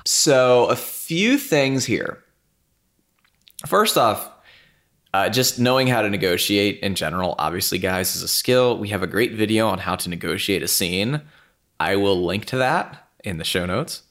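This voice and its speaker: A man co-hosting a podcast, talking in a relaxed, rambling way with lots of fillers. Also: lowish voice. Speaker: podcast co-host. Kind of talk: casual podcast chat.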